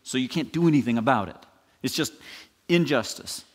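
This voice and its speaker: A man preaching an expository sermon as pastor, conversational and animated, often restarting phrases and checking in with the congregation. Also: mid-range voice, brisk, long reverb tail.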